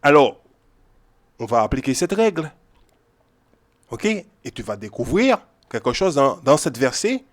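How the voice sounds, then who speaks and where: Speaking at a measured pace with frequent pauses, this man has a medium-pitched, sing-song voice. His informal Bible teaching is repetitive and emphatic, and he often checks on his listeners with "ok?" and "hein?"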